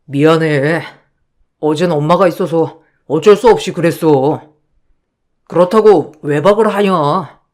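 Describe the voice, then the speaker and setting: A man's voice: on the high side, measured pace, darkish tone, natural voice. A man voicing a meek young husband stuck between his wife and mother, pleading and apologetic in a dramatized story. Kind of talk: story narration dialogue.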